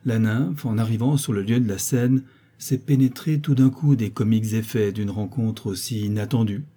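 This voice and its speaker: A man narrating a classic novel as an audiobook with a measured, expressive reading. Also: fairly low pitch, breathy edge.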